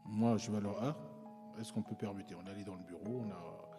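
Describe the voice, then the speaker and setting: A man born in France to parents from Congo-Brazzaville tells the story of his schooling as a guest in a conversation, hesitating often with many fillers and restarts. His voice is lowish with fairly even intonation, and he talks fast. The audio has a big-room sound, with music playing underneath.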